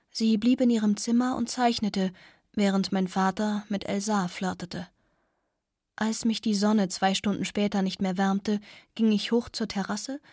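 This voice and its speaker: A woman's voice: medium pitch, a little mellow, dry recording, clean studio sound. A woman reading a novel aloud in first person, intimate and sometimes dropping to a near whisper. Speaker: audiobook narrator. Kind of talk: scripted first-person narration.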